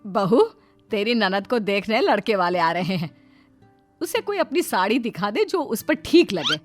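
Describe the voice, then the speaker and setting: A woman voicing a stern, sharp-tongued middle-aged mother-in-law in an animated story, scolding with cutting retorts. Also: medium pitch, measured pace, faint music behind.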